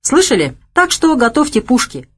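A woman's voice: high voice, wildly swooping pitch, normal speed, slightly rough, voice pushed up, exaggerated voice. A woman reading the lines of a streetwise male ex-convict henchman who talks bluntly in slang.

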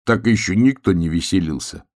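A man's voice: deep voice, brisk, a little mellow, lightly acted. A man voicing a cheerful, easygoing young male bear cub in a storybook tale.

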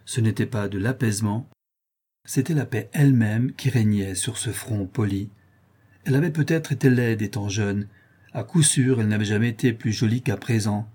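Male narrator, measured reading, dark and husky tone. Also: fairly low pitch. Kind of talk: audiobook reading of a classic novel.

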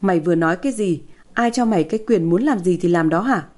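A woman voicing a scheming middle-aged stepmother who scolds in a sharp-tongued way. The figure is shrill and quick to pick fights. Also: lightly acted. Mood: indignant.

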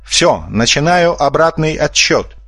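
A man's voice: fairly high pitch, lively intonation, a little slow, a bit bright, dry recording, studio quality, voice pushed up, full character voice. A man doing a sly, bossy fox swindler. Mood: commanding. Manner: brash, bossy, smooth-talking. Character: sly red-haired male fox swindler.

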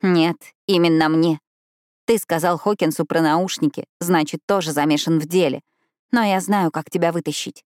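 A woman's voice: sits low, steady tone, moderate pace, a little mellow, dry recording, clean studio sound, close to an everyday voice. A woman reading a determined young woman who keeps insisting firmly. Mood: insistent.

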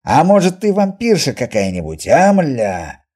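A man voicing a coarse, jeering male healer in an audiobook, loud and hostile in his delivery. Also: medium pitch, lively intonation, moderate pace.

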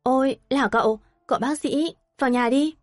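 A flustered, excitable country mother in an audio story, voiced by a woman narrator. She speaks in a hurried, fussy rush with a high voice. The sound is dry and close. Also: dry recording, soft background music, natural voice. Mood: welcoming.

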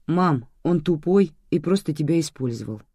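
A woman's voice: low voice, lively intonation, normal speed, dark tone, husky, no room sound, exaggerated voice. A reader voicing a resentful young mother who speaks to her own mother firmly and reproachfully, recorded dry and close. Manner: firm, reproachful.

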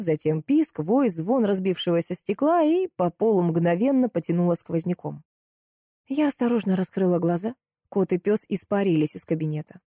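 Woman audiobook narrator, first-person story, lowish voice, steady lively telling. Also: no room sound, clean studio sound.

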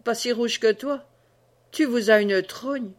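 Brief: woman reader doing a subdued young peasant man, low and quiet, storybook reading. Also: slow. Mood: wary.

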